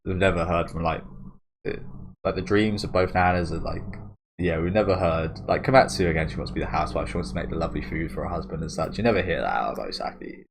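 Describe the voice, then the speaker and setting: A man with a low voice talks fast over background noise while hosting a manga reaction video. He thinks aloud in a casual, rambling way, restarting often and using lots of tag questions.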